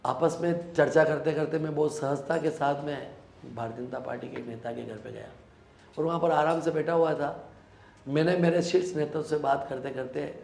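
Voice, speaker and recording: Politician from Rajasthan, gravelly, emphatic and defensive, in a roomy echo with faint noise. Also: male voice, a little high, fairly even intonation, moderate pace, darkish tone. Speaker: local politician, interview guest. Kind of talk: sit-down interview answers.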